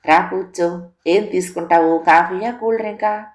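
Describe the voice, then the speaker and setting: An earnest young man in love speaks in an audio story, direct and eager to help, voiced by a woman narrator. The voice is lowish and plain. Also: fairly even intonation, normal speed, natural voice. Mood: eager caring.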